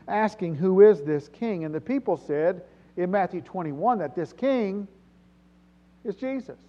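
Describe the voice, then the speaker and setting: A man preaching a sermon, dramatic, swinging from hushed storytelling to loud exclamation. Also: high voice. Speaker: pastor. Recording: dull lo-fi sound.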